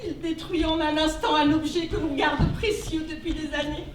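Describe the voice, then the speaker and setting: Woman playing a frantic big sister on stage, super high voice, mic far off. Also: steady tone, normal speed, a little hiss or hum, natural voice. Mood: grave. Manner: pleading, then shrill and panicky. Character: frantic older sister, pleading and scolding. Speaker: amateur stage actor. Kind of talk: stage play performance. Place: theater stage. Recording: echoey hall, distant camera.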